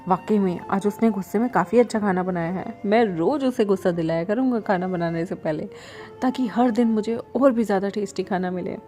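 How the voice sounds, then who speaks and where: A teasing, carefree young man, voiced by a woman storyteller, playful and unbothered. His voice is mellow and unforced. Soft instrumental music plays faintly behind the storybook reading. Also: medium pitch, brisk, lightly acted.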